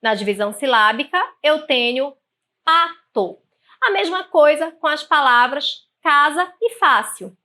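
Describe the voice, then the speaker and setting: A woman teacher with a Brazilian Portuguese accent giving an online grammar lesson, speaking clearly and slowly spelling out syllables. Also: high-pitched, animated, sharp tone.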